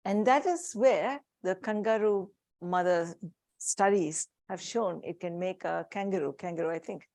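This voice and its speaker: A woman psychiatrist with an Indian accent runs a hands-on workshop for parents, speaking live to both the room and a Zoom audience. Her medium-pitched voice moves a little slowly, warm and practical as she demonstrates objects, and the audio has no echo.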